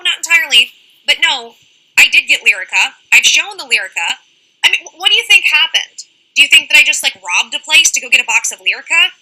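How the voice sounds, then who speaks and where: High bright woman live-streaming. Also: poor audio. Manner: fast-talking, reads out chat comments and answers them directly. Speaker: livestream host answering chat. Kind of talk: casual livestream chat.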